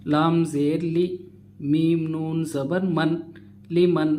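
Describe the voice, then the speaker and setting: A man teaching Quran reading. He spells out letters and vowels slowly, then explains the rules quickly. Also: fairly high pitch, little pitch movement, dark tone, a little hiss or hum. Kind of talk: slow spelled-out recitation lesson.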